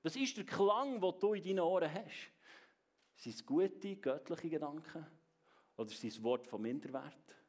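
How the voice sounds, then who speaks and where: A man's voice: a little high, lively intonation, normal speed. A man, preaching a sermon and speaking straight to the congregation in an earnest way. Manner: earnest, addresses the congregation directly, varies loudness.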